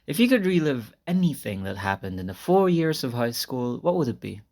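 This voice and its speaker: A man voices a shy, earnest high school senior speaking softly and hesitantly to his crush in an intimate roleplay, his delivery sing-song and a little fast. The monologue is addressed to a listener and sounds wistful and sincere, with sighs and small laughs woven into its conversational flow. It was captured as an amateur recording without a proper microphone.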